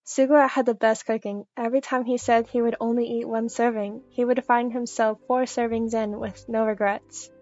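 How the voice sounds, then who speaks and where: A woman with a fairly high, rather even voice narrates a fan fiction story. The recording is a little dull and lo-fi, with music playing behind her. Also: normal speed, hardly any pauses, dry recording. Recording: slightly dull lo-fi audio under music.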